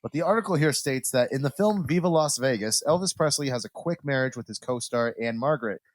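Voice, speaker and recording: A man's voice: medium pitch, animated, a little fast, no echo. Guy podcast host just shooting the shit, rambly, informal, swears a bit, close dry sound. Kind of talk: casual banter with swearing.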